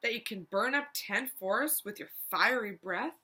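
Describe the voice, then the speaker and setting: A woman's voice: mid-range voice, moderate pace, bright, forceful tone, close to an everyday voice. A woman voicing a clever, bold young princess from a storybook, exclaiming with emphasis. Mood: eager, probing.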